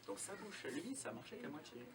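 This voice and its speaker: Performing a live magic show for kids, a man takes on a theatrical, playful magician role, prompting the children with questions and directions. He sounds high, sing-song, somewhat fast and gravelly, captured from a distance over a loud crowd of children.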